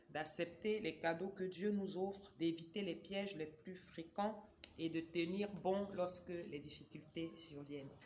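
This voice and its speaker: This vlogger's low-pitched voice comes with slight background noise. Presenting books in a casual recommendation vlog, she is chatty and digressive, talks to viewers directly, and has a Cameroonian local language as her first language.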